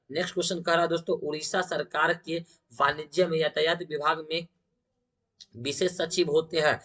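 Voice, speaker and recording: A man's voice: a little high, a bit bright. A man with a Bihari Hindi accent teaching exam questions, repeating each answer back as a question to his viewers.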